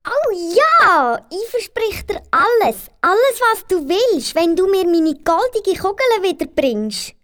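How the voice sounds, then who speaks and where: A woman's voice: very high-pitched, big pitch swings, slow, few pauses, a bit bright, exaggerated voice. A woman voicing a spoiled young princess with a Swiss German accent, petulant and pleading. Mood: eager.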